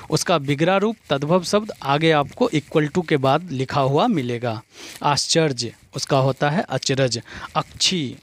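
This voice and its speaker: Male tutor, voice-over for an exam-prep lesson; measured, unhurried drill through word lists. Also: a little high. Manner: lists word pairs in a steady drilling rhythm. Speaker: teacher.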